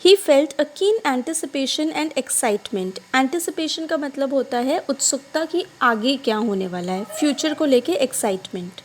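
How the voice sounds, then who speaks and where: Woman teacher, high voice, unhurried English reading with Hindi explanations, faint noise behind. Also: lively intonation. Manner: reads English lines slowly, then explains them in Hindi; addresses the children, checking they follow. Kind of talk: reading a story aloud and explaining it in a class.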